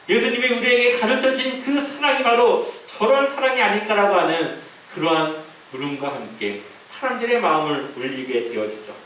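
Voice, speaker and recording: Pastor, male, high lively delivery, storytelling sermon, distant mic in a very echoey sanctuary. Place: church sanctuary. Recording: echoey hall from far off, faint hiss.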